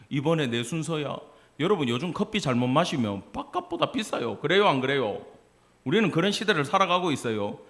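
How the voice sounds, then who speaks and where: A male pastor from the Gyeongsang region with a Gyeongsang accent, preaching a sermon in an animated way and acting out dialect and quoted voices. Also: on the high side. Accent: Gyeongsang Korean. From Gyeongsang region of Korea.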